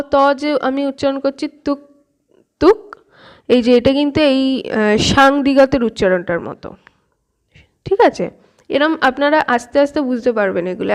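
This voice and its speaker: A woman teaching a spoken language lesson, patiently repeating each sound and checking in with her viewers. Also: sits high. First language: Bengali. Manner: patient, repeats sounds slowly, asks "okay?" often.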